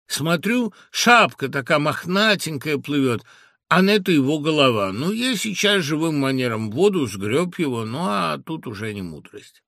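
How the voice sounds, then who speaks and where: A man's voice: fairly high pitch, very animated, normal speed, gravelly, a bit bright, dry recording, clean studio sound, exaggerated voice. A man voicing a soaked factory worker telling how he pulled a boy from the river. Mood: eager.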